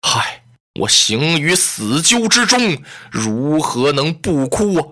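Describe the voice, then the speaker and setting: A man's voice: mid-range voice, wildly swooping pitch, pushed and bright, breathy edge, pitched below the performer's own voice, heavily acted. A man doing a proud, scornful old-time scholar. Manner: slow, drawn-out, lofty.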